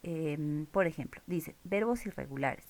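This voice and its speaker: A woman's voice: low-pitched, lively intonation, a little slow, a little mellow, slight background noise. A woman teaching English grammar in a recorded lesson, explaining rules step by step and checking in with her viewers. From Peru.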